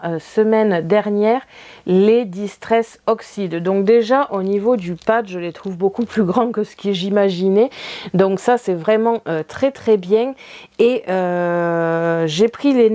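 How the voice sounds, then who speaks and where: A woman's voice: medium pitch, darkish tone. A woman hosting a crafting video, chatting casually about her purchases with many small fillers and light laughs. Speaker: craft channel host.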